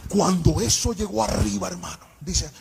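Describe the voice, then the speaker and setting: A man's voice: sits high, wildly swooping pitch, moderate pace, creaky, a little mellow. A man preaching a passionate sermon in a sing-song cadence, telling a story and speaking straight to his listeners. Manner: addresses listeners directly, calls for responses. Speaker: pastor.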